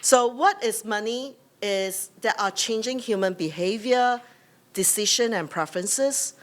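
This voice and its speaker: A woman's voice: mid-range voice, a little slow. A middle-aged woman from Singapore with a Singaporean English accent, giving welcome remarks at a symposium from a podium microphone, rambling loosely and tagging her points with "right?". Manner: loose, rambling delivery with frequent "right?" tags and fillers. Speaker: conference host. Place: conference hall, speaking at a podium.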